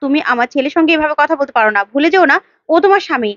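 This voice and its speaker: A woman's voice: high voice, expressive, racing, fairly bright tone, no room sound, muffled recording. A woman voicing a protective middle-aged mother. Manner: pleading, then scolding.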